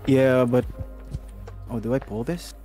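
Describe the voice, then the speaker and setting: A co-op gaming partner with a middle-pitched voice, chatting casually while playing. They call out directions and laugh easily. Faint lo-fi music sits in the background. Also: a little slow, dark tone.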